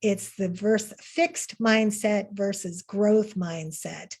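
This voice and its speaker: A woman's voice: mid-range voice, steady tone, takes it slowly, darkish tone, husky. A woman teaching an online art class, talking in an upbeat, encouraging way with fillers and restarts over a video call. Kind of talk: webinar lesson.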